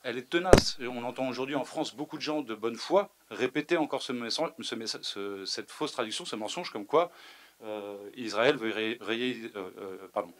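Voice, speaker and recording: Man, mid pitch, audience question, stammering, repeats words. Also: normal speed, slight background noise. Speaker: audience member asking a question. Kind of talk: spontaneous public question. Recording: lecture hall.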